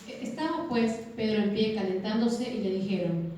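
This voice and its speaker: A woman reading a Bible passage aloud during a church service, steady and measured. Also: mid-range voice. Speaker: scripture reader. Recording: echoey church from far off.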